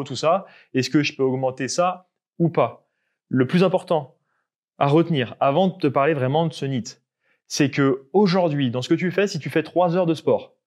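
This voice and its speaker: A young man fitness coach explaining tips to the viewer in a casual way, often checking in with a quick "ok?". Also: fairly high pitch, a little mellow.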